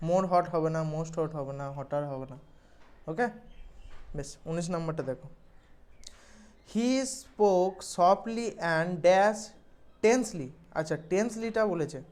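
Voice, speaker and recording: A woman's voice: fairly low pitch, a little mellow. A woman, explaining English exam questions in a casual lesson and checking in often with her students. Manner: conversational, checks in with "okay?" often.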